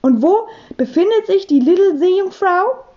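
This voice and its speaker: A woman's voice: very high voice, animated, normal speed, lo-fi sound, pitched above the performer's own voice. A woman voicing a cheerful English teacher who speaks broken German with an English accent. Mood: eager.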